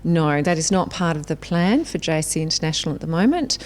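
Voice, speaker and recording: A woman with a very low voice answers formal business questions calmly, often starting with an "um". A faint hiss of noise sits under her speech. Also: fairly quick. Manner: composed, starting with "um". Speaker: company spokesperson.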